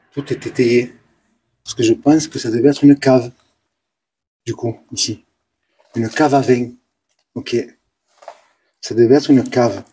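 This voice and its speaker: A man with a southern French Provençal accent narrates his urban exploration into a camera mic as he moves through abandoned ruins. His voice sits at an ordinary middle pitch. He talks excitably, repeats himself and often sinks into hushed mutters over a faint background hiss. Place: ruins of an old abandoned building.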